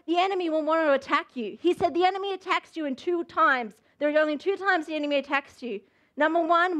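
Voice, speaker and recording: A woman's voice: sits high, a bit bright. A woman preaching a sermon, fervent and emphatic, with lots of repetition.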